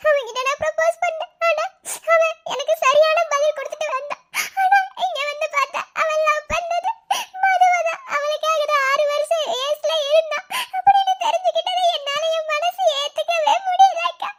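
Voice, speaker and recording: A woman's voice: extremely high pitch, steady tone, moderate pace, fairly bright tone. A woman voicing Ananya, a heartbroken young woman in a cartoon love story who speaks while crying and laughing through tears. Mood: tearful confiding.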